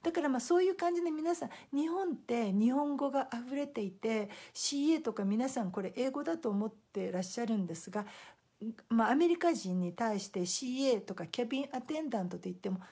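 A woman's voice: a little high, brisk, husky. A middle-aged woman, a simultaneous interpreter, chatting casually to live-stream viewers and telling stories with acted-out quotes. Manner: lively storytelling with acted-out quotes.

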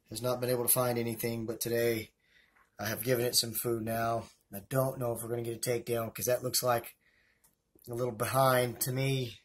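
A man's voice: mid-range voice, fairly bright tone. A man with a Southern US accent narrating a casual feeding video as a hobbyist keeper, chatty and rambling, talking to viewers as guys. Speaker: hobbyist scorpion and tarantula keeper.

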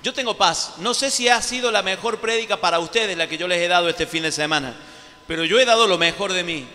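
Argentine man, preacher, animated storytelling sermon, bright tense tone, hall echo. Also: sits high, brisk. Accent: Argentine Spanish. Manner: animated, acts out little scenes for the crowd. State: sore throat, sweating. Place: large church hall. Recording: live sermon with long hall reverb.

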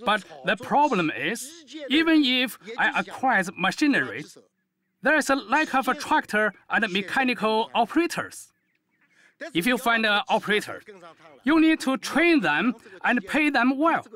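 A man's voice: very high voice, very animated, measured pace, bright, forceful tone. A man reading a translated voice-over in a matter-of-fact, explanatory way. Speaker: voice-over interpreter.

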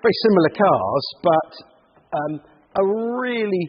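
Male car specialist, husky and fairly high, emphatic and admiring, informal walk-round delivery. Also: sing-song, a little slow. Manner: admiring, emphatic with repeated intensifiers. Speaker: classic car auction specialist. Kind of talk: casual car showcase chat. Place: large indoor car warehouse. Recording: muffled, echoing large hall.

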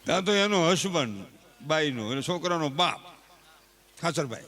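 A man's voice: fairly high pitch, lively intonation, normal speed, fairly bright tone. A man telling humorous folk stories to a live audience in a chatty, teasing way. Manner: chatty, teasing and full of homely sayings. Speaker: folk speaker.

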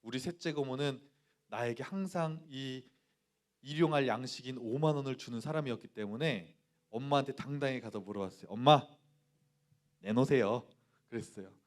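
A man's voice: mid-range voice, brisk. A male pastor giving a sermon to students, telling a personal story and asking the listeners questions, acting out the voices in his quotes. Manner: acts out quoted voices in dialogue.

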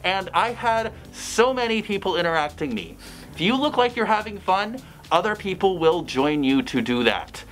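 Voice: medium pitch, lively intonation, normal speed, fairly bright tone, slight background noise, rough recording. A fursuiter giving blunt, chatty advice in a casual vlog, speaking through a costume head. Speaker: fursuiter vlogger.

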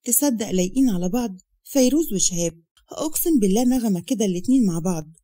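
A woman's voice: medium pitch, animated, fast talker, dark tone, close to an everyday voice. A woman voicing a cheeky, dramatic young runaway woman with an Egyptian accent, teasing and pleading. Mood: playful. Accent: Egyptian Arabic.

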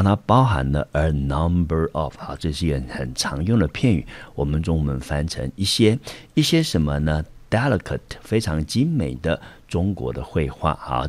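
A man's voice: extremely low pitch, no room sound. A man teaching an English vocabulary lesson, explaining pronunciation and example sentences step by step. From Taiwan. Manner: explains step by step, often starting with "好". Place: school teaching studio.

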